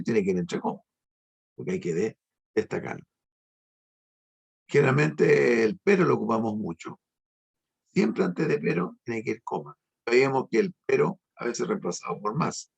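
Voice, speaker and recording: A middle-aged man teaches a language lesson. His voice is husky and gravelly, and he draws out his explanations and checks in with his students. His pitch is average for a man. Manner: slow, emphatic, drawn-out explanations with tag questions.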